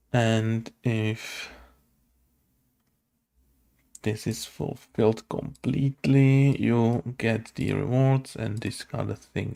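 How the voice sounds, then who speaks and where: A man with a lowish, darkish voice and some vocal fry codes a game on stream, muttering his thoughts hesitantly with plenty of fillers and self-questions. Typing and clicking sound in the background.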